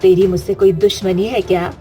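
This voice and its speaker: A woman's voice: mid-range voice, flat delivery, brisk, warm tone, faint music behind, close to an everyday voice. A woman voicing a domineering older mother-in-law in a cartoon story, who talks in a harsh, scolding way. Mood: scheming.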